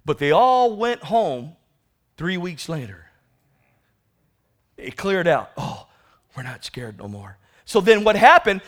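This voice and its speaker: A man with an American accent preaches a fiery sermon calling for repentance, his high voice bright and forceful. Urgent, admonishing and prophetic, he presses listeners with rhetorical questions and calls for amens.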